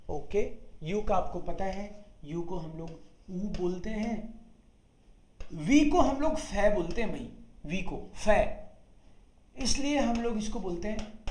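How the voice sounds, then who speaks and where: A teacher explaining letter sounds slowly and patiently in an online beginner class, repeating each sound. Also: mid-range voice, a little mellow, reverberant. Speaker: German teacher.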